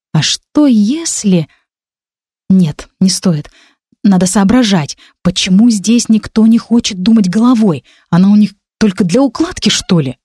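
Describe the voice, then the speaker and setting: A woman reads a first-person audiobook in a mid-pitched voice. She is expressive and animated, lending her character's lines clear urgency. The recording is dry and close. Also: no room sound. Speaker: audiobook narrator.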